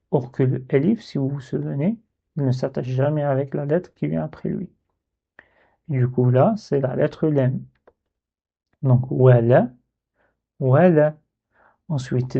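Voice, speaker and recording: In a slow, step-by-step lesson, a man teaches reading Arabic letters, patiently spelling out syllables and repeating them. His medium-pitched voice is creaky, dark, and a little breathy, and the recording's highs are cut off.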